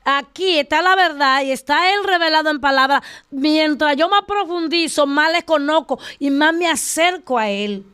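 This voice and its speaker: High-voiced woman teaching with emphasis. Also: moderate pace, bright, forceful tone. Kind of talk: casual faith discussion.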